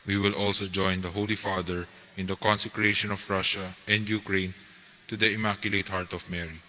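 A man reading prayers and parish announcements at Mass in a measured, steady voice, recorded at a lectern microphone in a large church. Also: deep voice, a little hiss or hum. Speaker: lector and commentator at Mass. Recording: church hall reverb.

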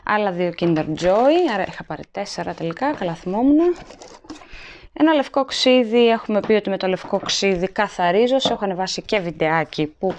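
A woman's voice: medium pitch, a little mellow, slight background noise. Chatty woman showing off groceries. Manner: chatty, lists items and weights as she goes. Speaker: vlogger. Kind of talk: casual haul vlog narration. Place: indoors at home, at a table. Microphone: handheld phone camera, filming items up close.

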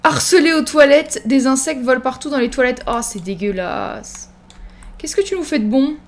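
A young woman giving excitable let's-play commentary on a life-simulation game, teasing her characters and erupting into mock-dramatic panic. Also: high voice, moderate pace. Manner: animated, exclamatory, mock-dramatic; teasing, self-mocking asides. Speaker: gaming video host.

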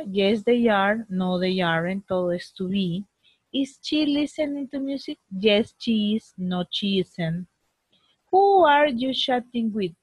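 Slow, husky woman teacher. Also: on the high side, a little mellow, no room sound, rough recording. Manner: slow, patient explaining with drawn-out English examples. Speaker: English teacher. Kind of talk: online class lesson.

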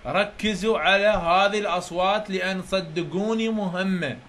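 A man's voice: high voice, fairly even intonation, moderate pace, fairly bright tone. A man teaching a classroom phonetics lesson, coaxing students and repeating sounds for them to copy. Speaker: university English teacher.

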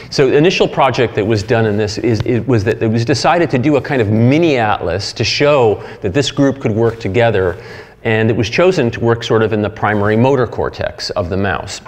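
A middle-aged man giving a conference keynote, halting and full of fillers and restarts. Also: medium pitch. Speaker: keynote speaker. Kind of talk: conference talk. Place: lecture hall. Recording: hall reverb.

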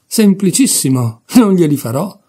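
A man reading aloud voices a proud, quick-tempered young woman who snaps in exasperation. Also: high-pitched, sing-song, slightly rough, pitched above the performer's own voice, heavily acted. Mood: mocking. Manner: sharp, exasperated.

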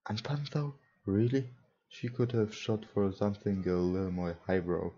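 A young adult man reads a visual novel aloud as a gaming host, commenting casually and hesitantly in English, which isn't his native language. His lowish voice is mellow and husky, steady in tone and moderate in pace. The dull lo-fi mic has music behind it, plus game music and mouse clicks.

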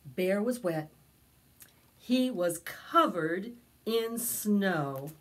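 Indoors before a decorated backdrop, a middle-aged storytime reader at the library shares a picture book with preschoolers. Her mid-range voice is expressive, and she draws her words out for the young audience.

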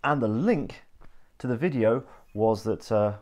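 This man's mid-range voice is expressive, unhurried and slightly mellow. He's in his thirties, hosts a video channel, and chats casually to camera from a living room sofa, giving geeky, thorough, somewhat hesitant explanations.

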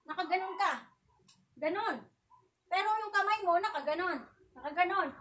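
A woman vlogger teaching a casual self-defense lesson, out of breath, chatty and laughing, with sharp counted shouts. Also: very high voice, normal speed. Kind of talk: casual live tutorial with counted drills. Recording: voice distant from the mic.

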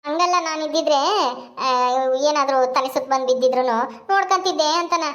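A woman playing an anxious young daughter-in-law in a village family drama, with a fast, fussing manner. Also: high voice, fairly bright tone, lo-fi sound.

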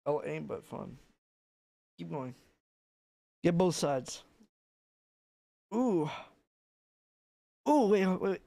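A man's voice: fairly high pitch, gravelly, warm tone, dry recording. Man on a livestream headset mic, dry. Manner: loose, mumbling, trails off. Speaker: streamer. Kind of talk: casual chat with viewers.

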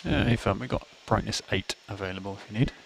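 A man's voice: fairly low pitch, fast, creaky, husky. A male race engineer giving terse, procedural instructions over pit radio. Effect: team radio. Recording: noisy team radio link.

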